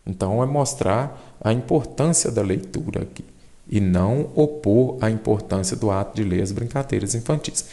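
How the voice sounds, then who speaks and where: A man's voice: lowish voice, moderate pace, warm tone. A Brazilian man teaching an exam-prep grammar lesson, explaining step by step and checking in with his students.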